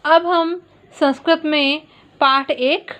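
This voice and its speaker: Woman teacher, high voice, slow and patient, explaining to kids. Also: fairly even intonation, fairly bright tone. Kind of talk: recorded classroom lesson.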